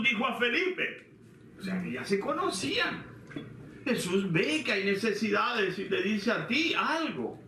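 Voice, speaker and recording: A man from eastern Cuba with a Cuban accent, preaching a sermon as pastor, asking his listeners questions and swinging between loud and hushed passages. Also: high voice, a little hiss or hum. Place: church hall. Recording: echoey church hall, distant mic.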